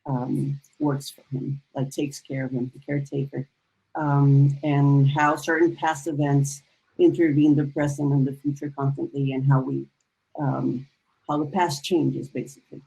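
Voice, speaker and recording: Husky gravelly woman, halting. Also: a bass voice, flat delivery, mellow, poor audio. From Dominican Republic. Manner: halting, many fillers. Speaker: storyteller and novelist. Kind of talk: panel discussion.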